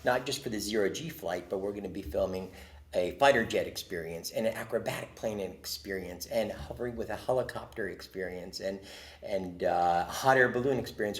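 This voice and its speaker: A man from Jordan, a native Arabic speaker, answering interview questions with passionate, earnest storytelling. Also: lowish voice. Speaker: guest.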